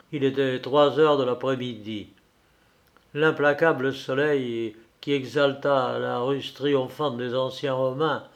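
Slow, measured male story reader. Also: mid-range voice. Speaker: audiobook reader. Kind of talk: literary story reading.

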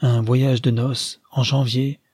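A man's voice: medium pitch, fairly even intonation, moderate pace, dark tone, husky, dry recording, studio quality, natural voice. A man doing a fretful helpless old father. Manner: plaintive, fussing.

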